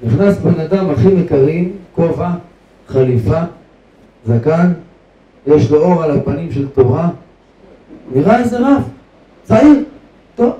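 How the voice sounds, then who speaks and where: A man's voice: fairly high pitch, expressive, pauses often, dark tone. A man who is a rabbi tells a story in a sermon, speaking straight to his audience and building suspense. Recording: echoey, distant, dull lo-fi hall recording.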